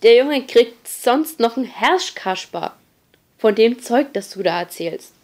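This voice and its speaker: Woman voicing a calm friendly teen boy. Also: a little high, measured pace, voice pushed up. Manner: easygoing, soothing.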